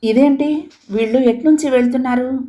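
A woman's voice: medium pitch, moderate pace, close to an everyday voice. A woman voicing a worried young man who pleads urgently with his captors in a story reading. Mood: suspicious.

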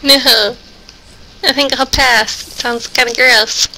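Woman, gaming stream co-host, bright voice, playful chatter, faint background noise. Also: a little high, steady tone, slow, rough recording. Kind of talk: casual gaming stream chat.

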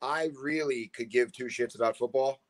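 A man's voice: mid-range voice, moderate pace. Rambling man on a webcam. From Massachusetts. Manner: rambling, repeats 'you know what I mean'. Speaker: guest, combat sports promoter. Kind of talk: casual video call chat. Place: indoor room at home. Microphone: video call webcam.

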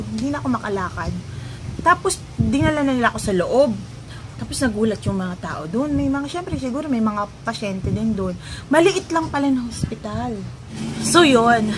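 Animated woman telling a story over noise. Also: fairly high pitch. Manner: animated, laughs at her own story, jokes. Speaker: vlogger recounting a personal ordeal. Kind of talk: casual storytelling. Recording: noisy ambience behind voice.

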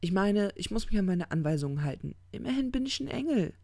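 A reader puts on a muddled, drunken angel who means every word and keeps losing his thread. The voice is gravelly and mellow, with a dry, close sound. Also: medium pitch, sing-song, quick pace, dry recording, voice pushed up. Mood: earnest. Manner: slurred, searching for words. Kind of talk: audiobook character reading.

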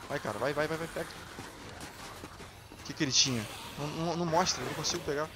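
A Brazilian man hosting a gaming channel, commenting on gameplay in casual, excitable chat and swearing freely at the viewers. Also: a little high, quick pace, noisy background. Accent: Brazilian Portuguese.

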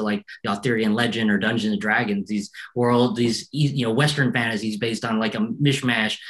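Man, film director, relaxed, casual, hesitant, video call. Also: mid-range voice. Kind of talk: press junket answer. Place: home room, video call.

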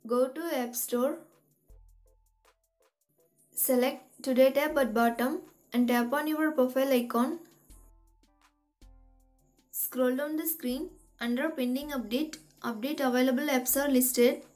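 A woman with a high voice reads out a tech tutorial step by step. Her delivery is even and methodical. Soft music plays faintly underneath. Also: takes it slowly, long pauses. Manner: even, methodical instruction reading. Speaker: tutorial host.

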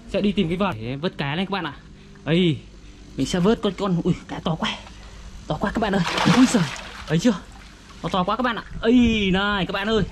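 This high-pitched man, a kids' vlogger with a northern Vietnamese accent, chats casually outdoors next to a garden fish pond, keeping his words simple and repetitive for a toddler. A little hiss or hum runs under the recording.

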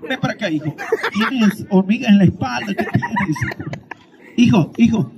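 A man's voice: high-pitched, animated, fairly quick, vocal fry, highs cut off, noisy background. A Mexican man hosting a children's contest as a street comedian, teasing with mock-dramatic outbursts on a handheld mic. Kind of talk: comic crowd banter with a mic.

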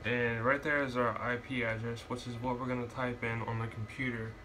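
Man on a handheld phone recording, flat-voiced. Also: medium pitch, brisk, noisy background. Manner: loose and rambling, full of ums and uhs. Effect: recorded on a handheld phone camera. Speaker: tutorial maker. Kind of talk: casual how-to walkthrough. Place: dark room at home with the console. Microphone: phone held while filming.

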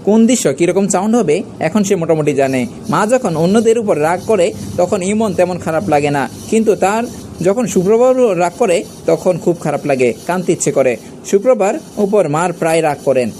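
Man, high voice, calm storybook reading, faint hiss behind. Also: normal speed. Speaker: audiobook reader. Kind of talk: storybook narration with dialogue.

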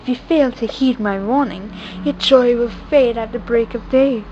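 A woman voicing a kindly good witch from a storybook, giving bright, firm instructions. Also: fairly high pitch, moderate pace, highs cut off, a little hiss or hum, lightly acted. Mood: instructing.

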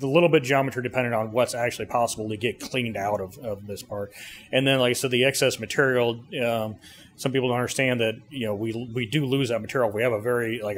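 Answering interview questions in a noisy 3D printing workshop, a middle-aged service bureau co-owner gives a plain, informal technical rundown of his machine, stopping to pause along the way. He speaks at a medium pitch into a handheld mic held by the interviewer, with loud machine-room sounds around him.

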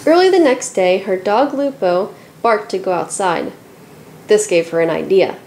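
A woman reading a children's picture book aloud, telling the story in a lively and expressive way. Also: medium pitch, normal speed, slight background noise, rough recording. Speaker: storybook reader.

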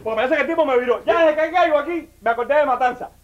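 A man playing a high-pitched Cuban street braggart. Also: very fast. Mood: storytelling. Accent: Cuban Spanish. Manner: swaggering, boastful storytelling. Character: boastful male Havana street tough. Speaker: comedian. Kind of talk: comedy sketch acting. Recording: slightly dull recording with faint noise.

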